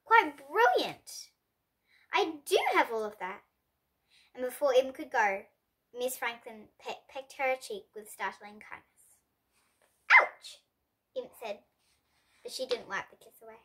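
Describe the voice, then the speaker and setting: A young girl reads a picture book aloud in a high, clear voice, expressive and slow, pausing often. She brings the dialogue to life, raising her tone for the different characters, and the sound stays bright and sharp throughout.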